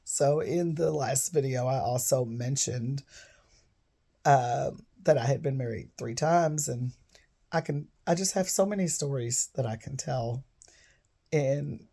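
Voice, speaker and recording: Speaking to camera at home, a vlogger in her fifties shares casual stories at a measured pace. Her rumbling low voice is croaky and hoarse from a cold, with a dark, mellow tone over a rough, gravelly edge. She earnestly rambles, drifting again and again into tangents.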